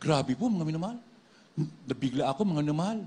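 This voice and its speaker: A man with a notably high voice gives an emphatic testimony before a congregation. He keeps turning to the listeners and addressing them directly as he tells it. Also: expressive, fast talker, dark tone, slightly rough. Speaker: church member giving testimony.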